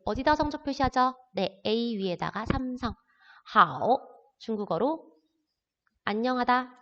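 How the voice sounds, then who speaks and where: A woman with a voice on the high side leads an introductory language class at a moderate pace, patiently explaining words one step at a time. The classroom recording is dull and lo-fi, with a long reverb.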